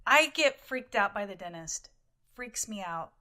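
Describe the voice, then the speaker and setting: A woman's voice: mid-range voice, a little slow. A woman co-hosting a casual gaming podcast, telling a rambling story with lots of "like". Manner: rambling storyteller, animated, says "like" often. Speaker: podcast co-host. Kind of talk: casual chat.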